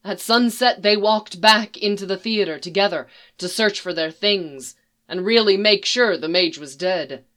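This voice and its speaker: Someone reads a fan story aloud at a slow, even, measured pace that never hurries. The voice stays at a middling pitch.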